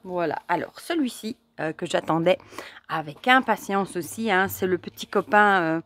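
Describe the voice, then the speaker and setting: A woman's voice: fairly low pitch, normal speed, fairly bright tone. A woman chatting casually to camera as she shows tarot decks, enthusiastic, with many fillers and repeated words. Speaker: tarot deck reviewer. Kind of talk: casual show-and-tell to camera.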